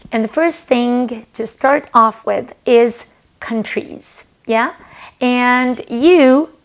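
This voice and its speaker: A woman from Romania teaches English, her voice sitting a little high and her pace deliberately slow. She says each word clearly and repeats it so learners can follow. Soft music plays faintly behind her. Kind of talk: online English lesson.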